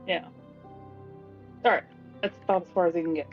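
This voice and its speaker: A woman's voice: on the low side, fairly even intonation, brisk. Woman player on stream, offhand and blunt, swears a bit, dull lo-fi sound, faint music. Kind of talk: casual tabletop play on a livestream.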